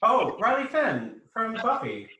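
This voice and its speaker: A man's voice: high voice, huge pitch swings, measured pace, bright, forceful tone. Wry man in an echoey room. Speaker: podcast co-host. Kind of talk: comic reading and casual chat. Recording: echoey room, far from the mic.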